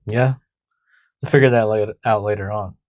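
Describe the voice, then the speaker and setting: A man's voice: on the low side, steady tone, normal speed, darkish tone, no room sound, studio quality. A man co-hosting a casual podcast, explaining the topic with laughs and playful jokes. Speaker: podcast co-host.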